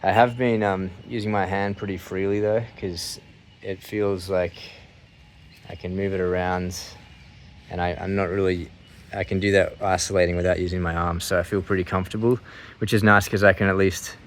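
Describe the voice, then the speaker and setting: A man in his mid thirties with a deep, low voice talks casually as a vlogger. He rambles a little, hesitating and restarting his thoughts. There is noticeable ambient noise behind his voice. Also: little pitch movement, moderate pace. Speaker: vlogger sharing surgery recovery update.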